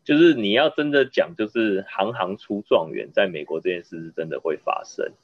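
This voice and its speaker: A man from Taiwan hosting a casual interview podcast, telling stories in a chatty, animated way. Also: on the low side, moderate pace, breathy edge, dry recording. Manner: storytelling, animated when recounting anecdotes. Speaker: podcast host. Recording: dull lo-fi sound.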